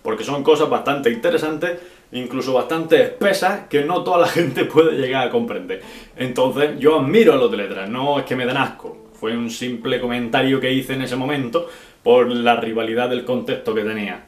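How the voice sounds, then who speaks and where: A man's voice: mid-range voice, normal speed. A young man from Spain, answering viewer questions in a casual vlog, clipping words and tagging sentences with "right?". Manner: chatty, drops syllables as "pa'", frequent "¿vale?" and "¿no?". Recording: echoey room with faint guitar music.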